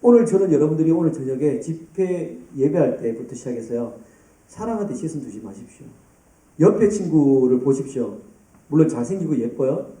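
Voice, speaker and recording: A man preaching a sermon to a youth group, lively and addressing students by name. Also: on the high side, brisk. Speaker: pastor. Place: church hall. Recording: roomy, distant church hall sound.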